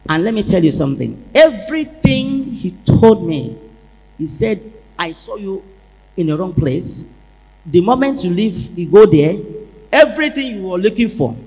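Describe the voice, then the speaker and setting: A woman giving an animated church testimony, acting out the dialogue as she tells it. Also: mid-range voice, breathy edge. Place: large church hall. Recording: echoey church hall.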